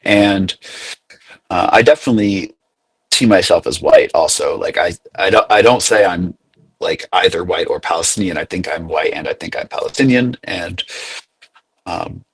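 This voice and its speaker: A young man from the United States speaks in a low, slightly husky voice. He talks earnestly, restarting and refining his points as he reasons them through. The sound is dry, with no room around it. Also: moderate pace, no room sound, poor audio. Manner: earnest, thinking aloud with frequent self-corrections. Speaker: guest, graduate student activist. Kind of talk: casual interview talk.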